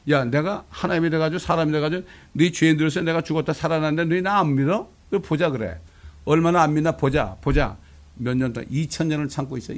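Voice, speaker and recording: A male pastor preaching a fiery, blunt sermon, with coarse insults thrown in. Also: mid-range voice.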